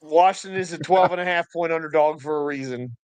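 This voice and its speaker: A man co-hosting a casual sports podcast, making measured, reasoned points and laughing easily. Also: fairly high pitch, darkish tone, clean tone. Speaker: co-host.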